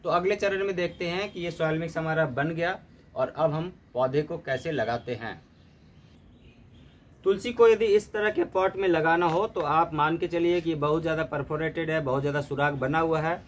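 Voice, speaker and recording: A man giving a steady, step-by-step gardening demonstration, often mixing English terms into his explanations. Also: a little high, moderate pace, a little hiss or hum. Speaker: gardening instructor.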